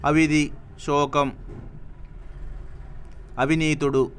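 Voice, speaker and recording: A man with a Telugu accent slowly reads dictionary words and their meanings, pausing after each one. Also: a little high, little pitch movement, fairly bright tone, slight background noise. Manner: reads each word then its meaning, with pauses. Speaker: teacher reading a word list.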